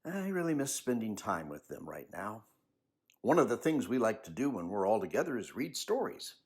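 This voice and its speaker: Speaking huskily, an older man recounts something from his own life. His pitch rises and falls dramatically, and he takes his time the way you would reading a picture book to kids.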